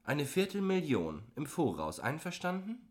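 A man doing a pushy rich woman, high voice. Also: huge pitch swings, moderate pace, breathy edge, full character voice. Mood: pleading. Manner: bossy, wheedling, high put-on voice. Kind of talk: audiobook dialogue.

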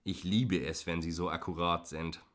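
A man's voice: low voice, level tone, normal speed, a bit bright. A man reading an audiobook, voicing a loyal, grinning male police officer who teases in a friendly way. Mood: teasing. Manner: teasing, friendly.

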